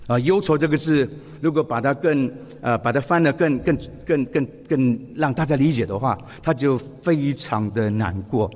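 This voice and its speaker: A man preaching a sermon, lively and expressive, acting out quoted words with feeling. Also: medium pitch, big-room sound. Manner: expressive, acts out quoted speech with emotion. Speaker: pastor.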